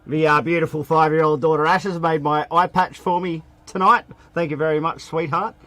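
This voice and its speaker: An Australian man co-hosting a sports talk show, playful and quick with quips. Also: fairly high pitch, little pitch movement, sharp tone. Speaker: co-host. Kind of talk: casual live show banter.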